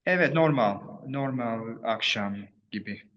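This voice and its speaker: A man's voice: mid-range voice, animated, a little slow, lo-fi sound. A man, a native English speaker with an American accent, speaking broken learner Turkish in simple phrases with long hesitations, in a casual practice conversation. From United States. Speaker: language learner being interviewed.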